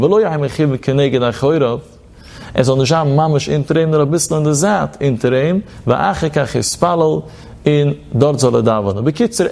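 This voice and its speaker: A man's voice: on the high side, creaky, darkish tone. A man teaching a religious legal text in a lecture, quoting short Hebrew phrases and then explaining each one in his own words.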